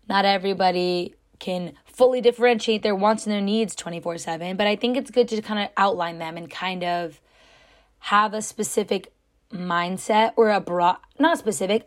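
A young woman hosts her own casual solo podcast, her voice raspy and somewhat deep. She's chatty and loud, rambling along with plenty of fillers.

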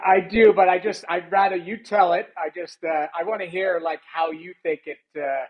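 Man, ex-goalie guest, casual storytelling, rambling, higher-pitched voice. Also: normal speed, highs cut off. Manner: animated, rambling, full of "like" fillers. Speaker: former hockey goalie, guest.

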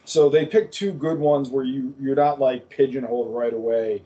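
Mellow-voiced man, guest on a podcast. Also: mid-range voice, moderate pace, muffled recording. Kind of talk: casual chat.

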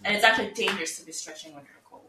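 A young woman co-hosting a podcast, chatting and telling stories in an animated way. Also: medium pitch, racing, distant mic, background noise. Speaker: podcast co-host. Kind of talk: casual chat. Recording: echoey room, off-mic, faint ambience.

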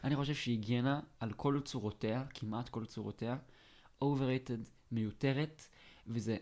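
Joking man telling a podcast story. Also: medium pitch. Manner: joking storyteller, lively and teasing. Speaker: podcast co-host. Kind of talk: casual podcast chat.

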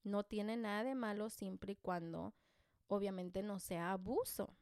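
A chatty woman with a Mexican accent spins a story about her kids, joking at her own expense and dropping slang as she goes. Her voice sits at an ordinary pitch, and it comes across close and dry with no room echo. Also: unhurried. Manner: animated, joking, self-deprecating, slangy. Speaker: mother telling a personal story. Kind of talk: casual storytelling to camera.

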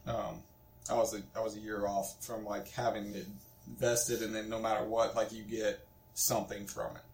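His pitch is fairly low, his tone level, and his pace moderate. He's a man in his twenties co-hosting a casual podcast, prone to rambling, heavy on fillers, and quick to laugh, heard in an echoey room.

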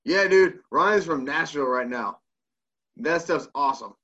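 A man's voice: a little high, lively intonation, unhurried, bright, forceful tone, dull audio. A middle-aged American man co-hosting a podcast with joking, irreverent casual banter. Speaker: podcast co-host.

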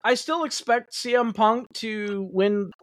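A man with a notably high voice talks wrestling on a podcast in a loose, rambling way. He circles back with fillers and restarts his sentences often. The sound is dry and close, with no room around it. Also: slow, fairly bright tone, dry recording. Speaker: podcast co-host. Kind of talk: casual wrestling chat.

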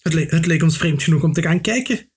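A man's voice: a little high, quick pace, a little mellow, slightly rough. A man doing a gasping panicked young man. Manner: gasping, stammering. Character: panicked young man bringing terrible news.

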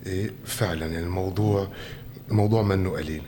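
A man's voice: low-pitched, quick pace. A man with a Lebanese Levantine Arabic accent giving political interview answers as a candidate, emphatically repeating his phrases. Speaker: election candidate being interviewed. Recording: reverberant room, faint background noise.

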